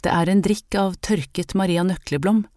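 Woman doing a caring young maid, gentle and quiet, low voice. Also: dry recording, studio quality, natural voice. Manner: soft-spoken, kind.

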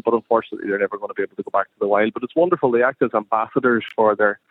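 An Irish-accented man speaks casually as a radio guest. His voice is mid-pitched, heard over a dry, narrow phone line. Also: dry recording. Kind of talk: casual interview talk.

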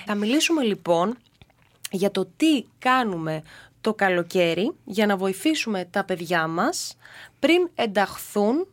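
A woman co-hosting a podcast in a casual, chatty way, asking lively questions. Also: mid-range voice. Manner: chatty, asks lively questions, laughs easily. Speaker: podcast co-host.

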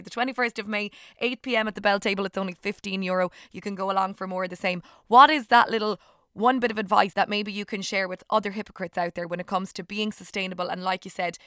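A woman presenting a radio show, questioning her guest in a brisk, upbeat way. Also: medium pitch, sharp tone, dry recording, studio quality. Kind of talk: radio interview.

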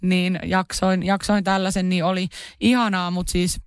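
A woman chats casually as a podcast co-host, joking about herself and leaning on fillers. Her voice is smooth and resonant. The sound is dry and close. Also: lowish voice, level tone, no room sound. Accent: Finnish. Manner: chatty, self-mocking, many fillers. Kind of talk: casual chat.

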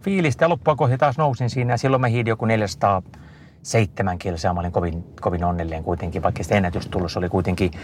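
A man's voice: lowish voice, slight background noise. A middle-aged man answering an interviewer in casual conversation, telling long rambling stories full of fillers and restarts. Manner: rambling, lively storytelling with many fillers and restarts. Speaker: interview guest, endurance skier.

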